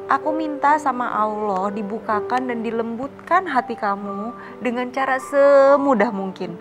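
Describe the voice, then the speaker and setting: A woman voicing her husband giving calm, earnest advice in her own voice. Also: on the high side, a little slow, music in the background, lightly acted.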